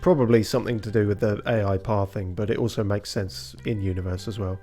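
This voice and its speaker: A man's voice: fairly low pitch, steady tone, a little fast, dark tone, soft background music. A man giving casual gameplay commentary as a streamer, with wry, joking asides. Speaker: video game streamer.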